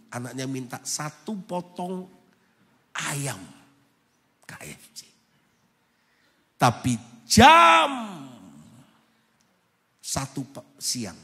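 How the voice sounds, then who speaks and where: A man preaching a sermon, telling a story with drama, from hushed low lines up to loud shouts, in a large church hall. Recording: music under a long hall reverb.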